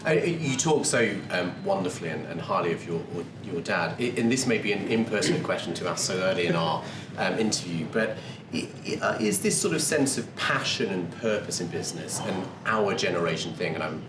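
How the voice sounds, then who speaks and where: Deep-voiced male interviewer, distant mic. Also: animated, a little fast, few pauses. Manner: polite, elaborate questioning with hedges. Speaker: interview host. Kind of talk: interview questions. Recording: distant echoey mic with noise.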